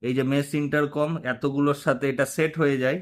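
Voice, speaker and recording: A motorcycle vlogger casually narrates a hands-on tutorial, walking viewers through each step informally. His voice is on the high side with a level tone, and he talks quickly.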